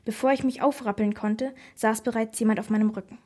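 Breathy woman reading a children's story. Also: fairly high pitch, steady tone, fairly quick, darkish tone. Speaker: narrator.

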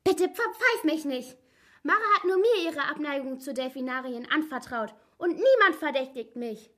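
A woman doing a squeaky villainous zookeeper lady. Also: expressive, normal speed. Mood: pleading. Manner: shrill, snapping and pleading by turns. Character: squeaky-voiced angry female zookeeper villain. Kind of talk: storybook reading.

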